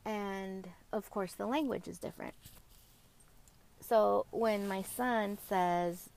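A mid-range voice with vocal fry and a darkish tone carries this host's reflective talk about co-parenting. She's open and personal, pausing and self-correcting with lots of fillers, and she has Mexican roots, having grown up speaking Spanish at home.

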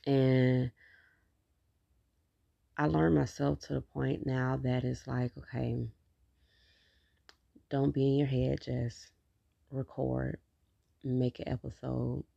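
A man's voice: medium pitch, little pitch movement, takes it slowly, vocal fry, long pauses, warm tone, no echo, dull audio. A man hosting a casual solo podcast, talking candidly and encouraging himself. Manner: candid, self-encouraging, laughs between thoughts. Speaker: podcast host.

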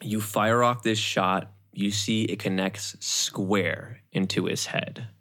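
A game master narrating a tabletop game in a casual, quick way with many fillers. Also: low-pitched, steady tone, fairly bright tone.

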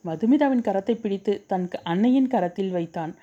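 A woman narrating a dramatic story with a steady, emotive reading. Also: mid-range voice, normal speed, lo-fi sound.

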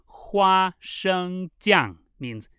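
A teacher reading a vocabulary lesson, saying each word clearly and repeating it twice. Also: mid-range voice, lively intonation, extremely slow, pushed and bright, no echo, clean studio sound. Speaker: Mandarin teacher. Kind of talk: slow bilingual vocabulary lesson.

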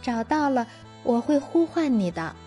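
A woman's voice: high voice, big pitch swings, a little slow, warm tone, faint music behind, pitched above the performer's own voice. A woman doing a cheeky playful young cousin.

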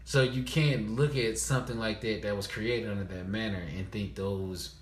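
A man's voice: lowish voice, fairly even intonation, normal speed. Laid-back man with roomy echo. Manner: laid-back, rambling, jokey. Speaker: podcast co-host. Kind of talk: casual chat.

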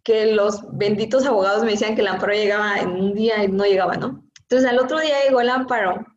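A woman's voice: mid-range voice, fast talker. A woman with a Mexican accent gives an earnest, emotional personal testimony as an interview guest, talking with many fillers. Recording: echoey, dull lo-fi room sound.

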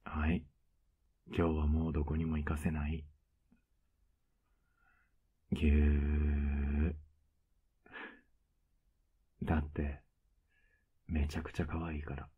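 Whispered role-play, male voice actor as a doting older boyfriend: husky, very low, flat and coaxing. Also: normal speed, pauses often, phone-quality sound, full character voice. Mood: teasing tender. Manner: teasing, soft-spoken, coaxing.

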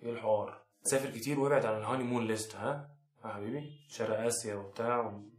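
A man's voice: on the low side, very fast. A young man with an Egyptian accent delivering a sarcastic, mock-serious comic advice monologue to the camera. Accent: Egyptian Arabic. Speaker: comedy vlogger. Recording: echoey room.

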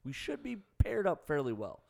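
A man's voice: a little high, wildly swooping pitch, moderate pace, creaky, warm tone. A man co-hosting a radio show, bantering casually in a wry, playfully contrary way. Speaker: radio co-host.

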